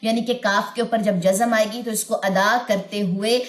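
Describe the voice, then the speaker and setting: A woman teaching recitation in a recorded lesson, explaining slowly and repeating each word to demonstrate. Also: mid-range voice, fairly even intonation. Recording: echoey room.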